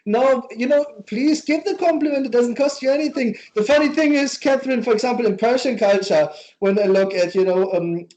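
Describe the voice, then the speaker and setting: A man's voice: very high-pitched, brisk, few pauses, darkish tone, lo-fi sound. A man hosting a podcast interview, talking earnestly and emphatically and posing questions to his guest. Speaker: podcast host. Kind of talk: casual interview chat.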